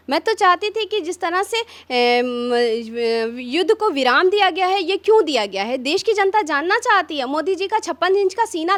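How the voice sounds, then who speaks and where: A high-pitched woman speaks with fire in a press interview. She piles up rhetorical questions, sharp and insistent, like a politician making her case. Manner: fiery, rapid rhetorical questions. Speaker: opposition politician.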